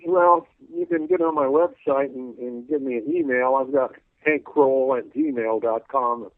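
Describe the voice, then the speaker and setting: A man calling in as a radio guest, rambling folksily with lots of "you know," clearing his throat as his voice wears out. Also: medium pitch, a little slow, no room sound. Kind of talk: casual call-in radio interview. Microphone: telephone. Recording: tinny phone line.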